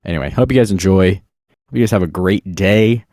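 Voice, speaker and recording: A young man with a low, deep voice tells casual childhood stories straight to his viewers. He rambles and jokes at his own expense, and drops in plenty of fillers. The recording is dry, with no room echo. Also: moderate pace, darkish tone. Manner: rambling, self-deprecating, with fillers. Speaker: vlogger. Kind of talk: casual storytelling monologue.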